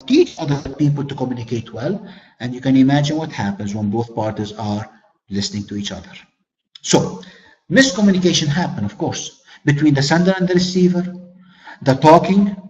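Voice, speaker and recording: A corporate trainer whose first language is Arabic gives a webinar lecture on leadership in a slightly high, darkish voice over dull audio. He is earnest and leans on rhetorical questions and repeated phrases.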